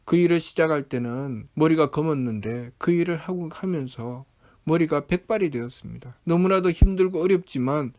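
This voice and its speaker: A man's voice: fairly high pitch, normal speed, darkish tone. A man preaching a sermon, steadily posing one rhetorical question after another.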